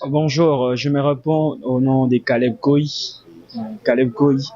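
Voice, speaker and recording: Halting Congolese man answering questions. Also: medium pitch, flat delivery, dark tone, dull audio. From Democratic Republic of the Congo. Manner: halting, searching for words. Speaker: interviewee. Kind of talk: street interview answers.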